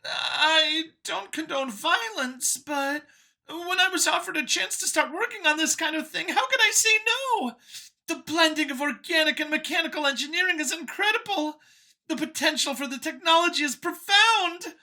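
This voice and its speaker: A woman performs a full character voice well above her natural pitch, very high and sharp at a moderate pace. She plays a nervous, boastful female alien scientist in an audio story, whining and gushing with fervent self-righteousness as she eagerly defends her elitist views.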